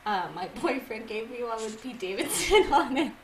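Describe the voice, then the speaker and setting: A woman's voice: a little high, lively intonation, normal speed, slight background noise, rough recording. A woman in her twenties co-hosting a casual chat podcast, laughing often and mimicking voices as she tells stories. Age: 20s. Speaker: podcast co-host.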